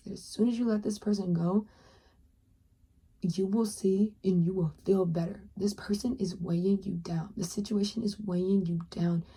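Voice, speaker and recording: A young woman doing a pick-a-card tarot reading, speaking earnestly and encouragingly to the viewer, sometimes dropping into a soft whisper. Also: mid-range voice, slightly rough. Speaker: tarot reader.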